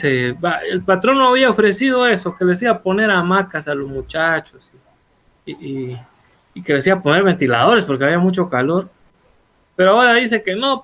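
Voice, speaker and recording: A man teaching a law class in a relaxed, conversational way, asking rhetorical questions and correcting himself as he goes. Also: high voice, brisk. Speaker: law lecturer. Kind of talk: online law class lecture.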